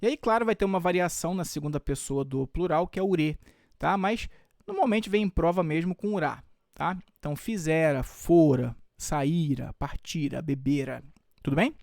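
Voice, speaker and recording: A man's voice: fairly high pitch, normal speed, vocal fry, darkish tone, no echo, clean studio sound. A Brazilian man teaching Portuguese for exams, explaining step by step and often checking in with his students. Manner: explains step by step with frequent check-ins like "tá?" and "tudo bem?". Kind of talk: exam-prep video lesson.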